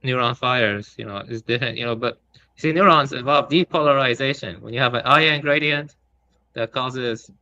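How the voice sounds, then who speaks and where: Bright-voiced man explaining tech. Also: mid-range voice, normal speed, dull audio. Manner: explanatory, hedging with fillers. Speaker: podcast participant. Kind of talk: casual technical chat.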